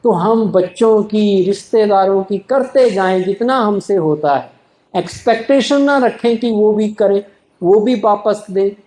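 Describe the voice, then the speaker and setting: A man's voice: high-pitched, a little slow, mellow, reverberant, poor audio. A man giving a motivational spiritual talk to a live audience, often asking rhetorical questions and answering them himself. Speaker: spiritual speaker.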